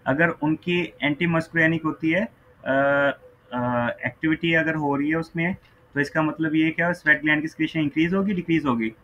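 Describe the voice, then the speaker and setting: A man's voice: fairly high pitch, moderate pace, fairly bright tone, dull audio. A man giving an online physiology lecture who mixes Hindi-Urdu and English, asks students questions and keeps checking "ok, right?".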